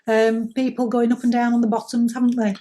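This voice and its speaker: A woman's voice: a little high, little pitch movement, fairly quick, dark tone. A woman co-hosting a casual spiritual chat, encouraging and playfully teasing. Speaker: spiritual co-host.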